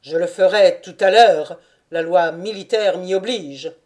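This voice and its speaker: A woman's voice: fairly low pitch, a little slow, darkish tone, natural voice. A woman voicing a stiff, proud male army officer in an audiobook, speaking firmly. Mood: commanding. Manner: firm, stern. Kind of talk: audiobook character reading.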